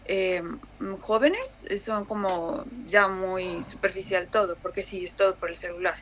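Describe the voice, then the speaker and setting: Brief: young woman, Mexican accent, relaxed chatty guest, restarts often. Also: mid-range voice, unhurried, slight background noise. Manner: chatty, many fillers and restarts. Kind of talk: casual conversation.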